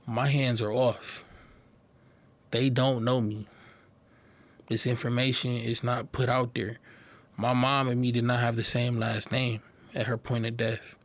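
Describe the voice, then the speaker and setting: A young man giving a personal testimony to a live audience, earnest and halting, often repeating words as he speaks. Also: mid-range voice, little pitch movement.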